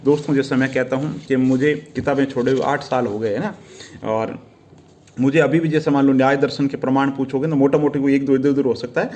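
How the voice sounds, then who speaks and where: Earnest teacher giving study advice. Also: male voice, mid-range voice, steady tone, brisk, darkish tone. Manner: earnest, advising, addresses viewers as friends, repeats tag questions. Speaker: exam preparation teacher. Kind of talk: motivational study-tips talk to camera.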